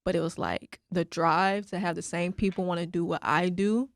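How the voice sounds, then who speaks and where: Young woman host with a gravelly voice, dry close sound, eager and filler-heavy talk. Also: on the low side, steady tone, moderate pace, no echo. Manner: filler-heavy, enthusiastic, says "like" constantly. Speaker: podcast co-host. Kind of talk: casual chat.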